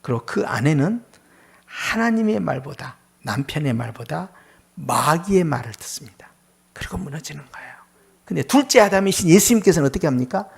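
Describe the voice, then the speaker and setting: A male pastor preaching a prayer-meeting sermon, firing rhetorical questions at the congregation, prodding them with "eh?" and dropping to a hushed near-whisper on key words. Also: a little high, very animated, normal speed, vocal fry, breathy edge.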